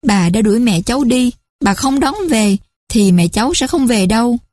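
A remorseful elderly grandmother from a told story speaks in a high, quavering, pleading voice, as a woman narrator puts her on. She sounds softer than a plain speaking voice. The recording is dry and close. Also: lively intonation, moderate pace, no room sound.

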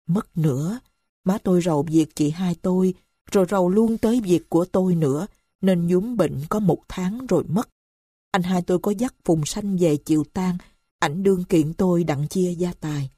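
A remorseful young husband pleads tearfully in this storybook reading, voiced by a woman. The voice sits low and dark with a husky edge. The sound is close and dry. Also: moderate pace, no room sound. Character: grief-stricken young husband, rash and remorseful.

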